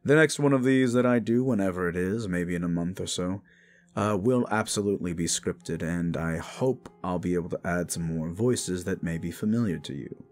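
A man with a low voice, still a little sick and not fully recovered, gives listeners a casual, rambling outro as an audio creator, speaking at normal speed.

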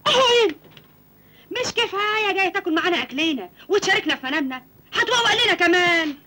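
A sharp-tongued wife, nags and scoffs in Egyptian Arabic. She fires off her words at a breakneck clip, and her voice is high and bright. It is a comedy film scene. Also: animated, quick pace, exaggerated voice. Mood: nagging. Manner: nagging, scornful.

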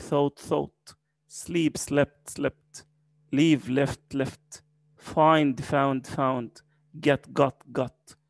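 A man with an Egyptian Arabic accent teaching an English vocabulary lesson, saying each word slowly and repeating it several times. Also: mid-range voice, vocal fry, darkish tone, no echo.

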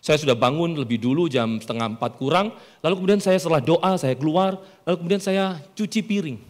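A middle-aged pastor with a high, very lively voice that leaps around as he tells stories. He jokes and teases the congregation, and his words ring through a reverberant church hall. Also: a little fast. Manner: storytelling, joking, playful with the congregation. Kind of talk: sermon.

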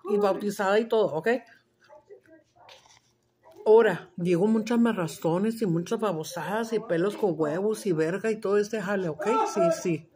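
This is a medium-pitched woman, a crude and brash mukbang cooking vlogger. While cooking and eating she chats casually, loud and crude, swearing freely and mixing Spanish with English.

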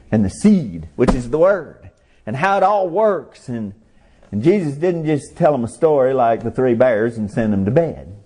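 A middle-aged man preaching a folksy sermon, his pitch leaping and falling widely as he talks. His voice is dark and mellow, with plain-spoken rural phrasing. Now and then he rises to a loud cry on a key word. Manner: impassioned, rises to loud cries on key words.

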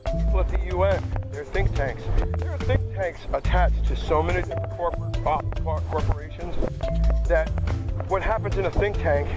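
A middle-aged man rambling casually and swearing as he walks outdoors, recorded through headphones used as a microphone, with clicking and tapping. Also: a little high. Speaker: outdoor vlogger. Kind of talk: rambling casual monologue to camera while walking. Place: outdoors in open grassland, walking.

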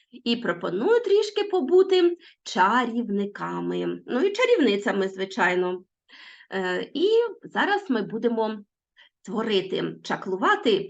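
A woman teacher giving a recorded school lesson in a lively, sing-song teacher's voice. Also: mid-range voice, creaky, muffled recording.

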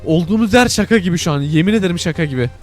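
Scared young guy yelling over a game, bit high voiced, soft music in back. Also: lively intonation, very fast. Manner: jumpy, scared, addresses viewers, frequent exclamations. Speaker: gaming YouTuber. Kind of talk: live gameplay commentary.

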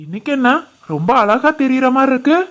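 A woman voicing a doting middle-aged husband and father in an animated family story, with a southern Tamil Nadu accent and a playful, flirting manner. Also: sits high, fast talker, lo-fi sound. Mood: flirty.

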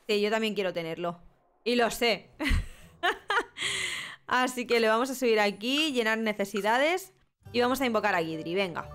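A woman's voice: on the high side, fairly bright tone, smooth. A young woman with a Spain Spanish accent, chatting and laughing through a live game stream. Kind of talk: live gameplay commentary.

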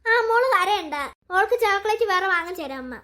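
A woman's voice: very high-pitched, lively intonation, quick pace, bright, forceful tone, exaggerated voice. A young woman voicing an anxious, soothing mother in a cartoon. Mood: worried. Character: worried caring mother.

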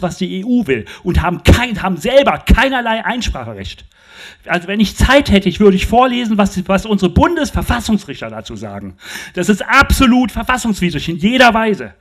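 An older man lectures with a high, lively voice that swings up and down as he drives home his points. He speaks into a handheld mic on a stage in a large festival tent and keeps checking that the audience follows him. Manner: emphatic, animated, addresses audience with rhetorical questions. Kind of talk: public talk.

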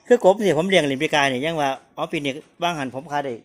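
A man's voice: a little high, rapid-fire. A man with a northeastern Thai Isan accent selling his farm stock in a casual live chat, repeating prices and replies for viewers. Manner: repeats prices and the other speaker's words for viewers.

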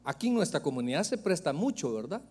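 Male pastor, high-pitched, emphatic and humorous, preaching in a reverberant church hall. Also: very animated, quick pace, darkish tone, husky. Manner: emphatic, joking preaching that addresses the congregation directly. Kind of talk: sermon. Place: church sanctuary.

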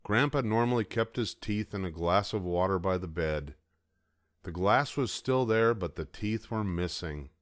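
An older man reads a children's picture book aloud with steady, even narration. His voice sits on the low side. The recording is close and dry, with no room sound. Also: unhurried, no room sound. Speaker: storybook reader.

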